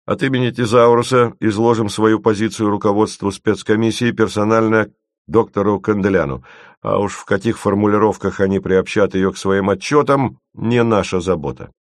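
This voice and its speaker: A man reading an audiobook, voicing a grumbling, thoughtful senior male investigator in a firm, measured way. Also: on the low side, steady tone, no room sound, clean studio sound, lightly acted.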